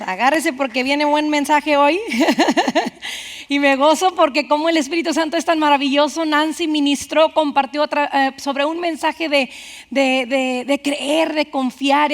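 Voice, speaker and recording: A woman preacher giving an animated sermon, calling out to the congregation and swinging from loud to soft. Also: high-pitched, moderate pace. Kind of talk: lively bilingual-church sermon. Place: church sanctuary. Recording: reverberant church hall.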